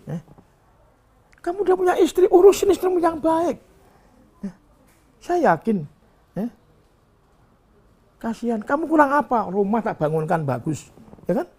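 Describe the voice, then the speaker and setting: An older man, lecturing and complaining at length about his son to an interviewer, preachy and emotional. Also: sits high. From Indonesia. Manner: preachy, lecturing, mixes in Javanese words. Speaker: father giving a clarification interview.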